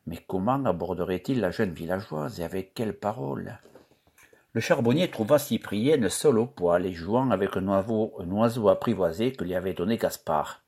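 Low-voiced male audiobook narrator. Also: normal speed, vocal fry, a little mellow, husky. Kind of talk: audiobook reading.

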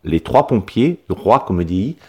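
A man reading a humorous story aloud in a lively, expressive way. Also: fairly low pitch, slow pace, breathy edge. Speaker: narrator.

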